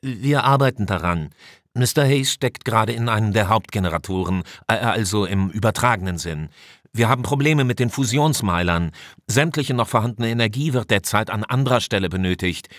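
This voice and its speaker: A man's voice: on the low side, brisk, fairly bright tone, no echo, clean studio sound, voice pushed up, lightly acted. A man doing a harried chief engineer.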